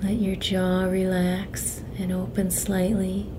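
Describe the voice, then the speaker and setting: A woman guiding a relaxation meditation in a soft, breathy, soothing near-whisper, with long pauses between phrases. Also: mid-range voice, monotone. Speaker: guided meditation guide. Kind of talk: guided relaxation meditation narration. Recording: clearly noisy, ambient sound behind.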